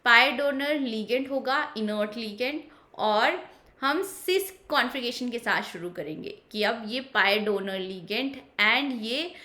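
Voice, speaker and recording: Woman chemistry teacher, bright clear tone, slightly high voice, patient explainer, mix. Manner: patient, repeats key points, asks and answers own questions. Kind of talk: explanatory online lecture.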